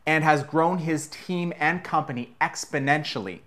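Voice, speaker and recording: A man's voice: on the high side, moderate pace, a bit bright. Rambling, joking male podcast host. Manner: loose, rambling, joking, swears now and then. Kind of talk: casual interview chat.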